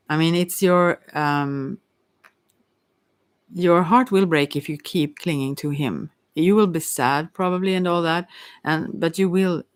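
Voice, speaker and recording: A middle-aged woman gives a casual tarot reading that rambles, sounding hesitant, candid, and prone to digressions. Her voice sits low, and there is no room sound.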